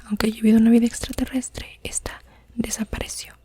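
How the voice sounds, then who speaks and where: A woman whispering under her breath in a soft-spoken ASMR podcast monologue, as its host. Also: fairly high pitch, level tone, a little fast.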